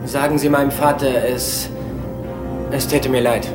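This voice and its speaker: A man's voice: medium pitch, flat delivery, unhurried, reverberant, music in the background. A young man playing a runaway shuttle pilot, heard over a ship's communicator and sounding shaky and pleading. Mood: resigned. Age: young adult. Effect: voice over a ship-to-shuttle communicator. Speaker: dubbed young man in a sci-fi series.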